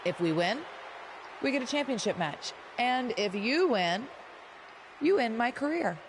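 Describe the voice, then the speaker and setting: A determined veteran wrestler. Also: female voice, on the high side, expressive, unhurried, background noise. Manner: determined, challenging.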